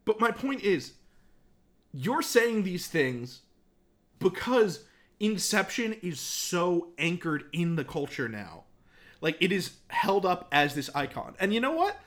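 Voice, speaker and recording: A man's voice: high-pitched, slow. A man co-hosting a casual film podcast, enthusiastic and opinionated about the movies he discusses. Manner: enthusiastic, opinionated, lively, fond of film trivia.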